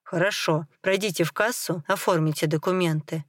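A woman's voice: fairly low pitch, normal speed, no echo, clean studio sound, lightly acted. A woman reading the lines of a tired male head doctor in his fifties, formal and matter-of-fact. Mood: grave.

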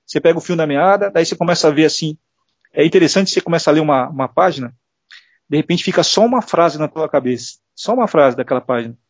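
On the high side, animated and fast, this middle-aged Brazilian man gives casual interview testimony in a Brazilian Portuguese accent. He tells earnest personal stories, voicing the people he quotes, and the recording is dull, lo-fi and dry with no room sound.

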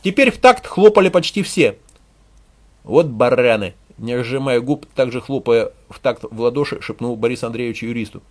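A narrator reading an audiobook with expressive storytelling. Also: mid-range voice, fairly quick, hardly any pauses, a little hiss or hum.

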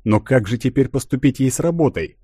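A man reading a literary audiobook in a measured, even way. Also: mid-range voice, husky, dry recording, clean studio sound. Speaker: audiobook narrator.

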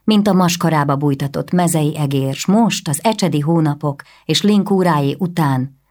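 A woman reading a historical novel aloud as an audiobook narrator, in a measured, even way. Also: deep voice. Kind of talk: scripted narration.

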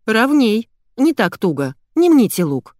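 Brief: bossy chattering housewife read by a woman, pitched up, very animated. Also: no echo, studio quality. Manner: brisk, commanding, scolding. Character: bossy energetic young woman, house cook.

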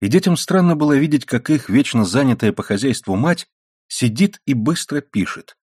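A man's voice: mid-range voice, animated, normal speed, a little mellow, husky, dry recording, studio quality. A man narrating a classic novel as an audiobook, reading expressively and acting out the dialogue.

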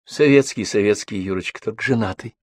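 A man reading the part of a stubborn young woman who answers quietly and defiantly. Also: fairly low pitch, brisk, no room sound, natural voice.

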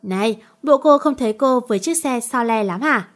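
A woman reading the lines of a calm young man who teases dryly. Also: a little high, moderate pace, close to an everyday voice. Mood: teasing. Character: young man, teasing, calm company director.

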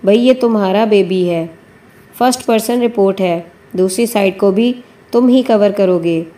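A woman reading a bossy, fatherly old editor, mellow and unhurried in an audiobook. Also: medium pitch, natural voice. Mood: instructing. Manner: coaxing and bossy. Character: older male newspaper editor, chain-smoking, brisk and fatherly.

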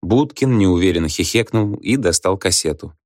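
Male narrator, deep voice, dead-dry booth sound, measured audiobook reading. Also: no room sound. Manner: dry, even, low reading.

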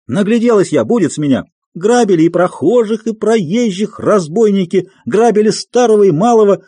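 A man reading an audiobook and voicing a furious young peasant woman who shouts and scolds. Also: medium pitch, no room sound.

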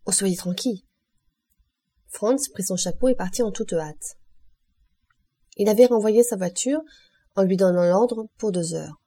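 A woman reading a classic novel aloud as an audiobook narrator, in a measured, even way. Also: medium pitch. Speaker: audiobook reader.

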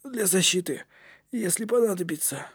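Man voicing an exhausted boy, weak whisper, raised pitch, quiet, storybook. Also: lively intonation, normal speed, breathy edge, dry recording, clean studio sound, heavily acted.

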